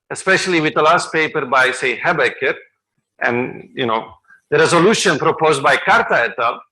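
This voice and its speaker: A man's voice: fairly high pitch, bright, forceful tone, rough recording. A man speaker answering audience questions at an academic workshop, thinking aloud and checking in with "okay?".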